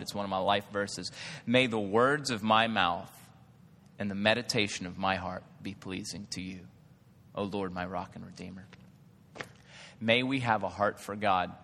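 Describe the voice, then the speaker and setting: A man's voice: fairly low pitch, fairly even intonation, normal speed, sharp tone, big-room sound. A man, a pastor preaching a sermon in a loose, conversational way, often asking the congregation questions. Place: church hall.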